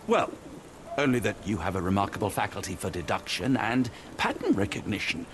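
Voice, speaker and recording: An actor playing a courteous, patient doctor, a loyal companion to a detective in a video game, polite and tactful. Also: male voice, on the low side, big pitch swings, fairly quick, background noise. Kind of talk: video game cutscene acting.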